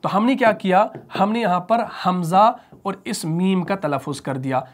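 A man's voice: high voice, lively intonation. Pakistani man patiently teaching Quran recitation. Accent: Pakistani Urdu. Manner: patient explaining, asks and answers own questions, chants verses slowly. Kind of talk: tajweed lesson with recitation.

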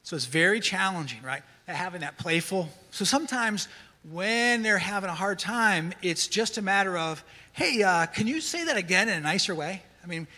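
A man's voice: high voice, pushed and bright. A middle-aged man, a counselor, gives a conversational church teaching talk and keeps checking in with "right?". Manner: conversational, tags many lines with "right?". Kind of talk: sermon-style teaching talk. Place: large church hall. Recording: long hall reverb.

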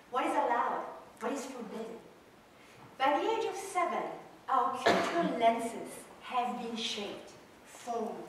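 A woman lectures from a stage in a big auditorium, her slightly high voice caught by a camera far back in the seats. The hall rings with a long, roomy echo, and a faint hum of the crowd sits underneath. She talks directly and with animation. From Switzerland. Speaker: guest speaker on business culture. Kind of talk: public lecture. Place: large auditorium with audience. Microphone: far camera in the audience. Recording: echoey hall recorded from far off.

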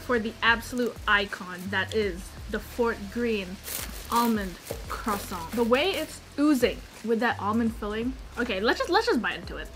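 A woman's voice: fairly high pitch, lively intonation, moderate pace, a bit bright, low-quality recording. A woman with a New Zealand accent chatting cheerfully in a casual food vlog. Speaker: food vlogger. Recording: light music behind.

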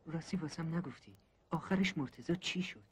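A man's voice: a little high, natural voice. An actor playing a young male soldier who apologizes and pleads with his mentor. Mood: pleading. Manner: pleading, boyish.

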